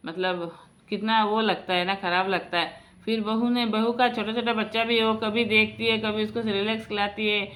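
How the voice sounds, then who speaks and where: A woman with a mid-range, slightly bright voice tells a personal family story at a moderate pace and in a steady tone. As a vlogger and storyteller, she chats casually with her viewers as if they were friends, often restarting her sentences.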